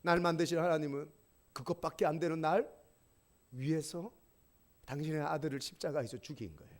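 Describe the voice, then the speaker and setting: A man's voice: on the high side, a little fast. A male pastor preaching a sermon at a church service, full of emphatic rhetorical questions and a story told to the congregation.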